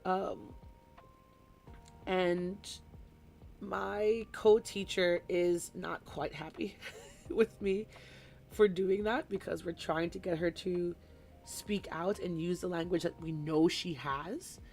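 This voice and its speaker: A woman's voice: fairly low pitch, steady tone, slow pace, a little mellow, soft background music. A woman who works as a kindergarten teacher, chatting casually and rambling through classroom anecdotes during a hobby live stream from home.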